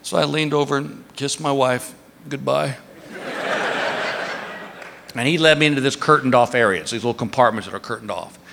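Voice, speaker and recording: A man doing stand-up storytelling, acting out the people in his story with sudden high yelps. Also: normal speed, creaky, pauses often, a little hiss or hum. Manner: animated, acts out characters with high yelps. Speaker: stand-up comedian. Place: live stage before an audience. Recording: live hall with crowd laughter.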